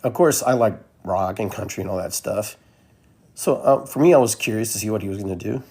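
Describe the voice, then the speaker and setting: A man's voice: fairly low pitch, a little fast, warm tone, slightly rough. A man from Peru hosting a podcast, talking in a loose, rambling monologue that keeps repeating phrases. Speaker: podcast host. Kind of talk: casual monologue.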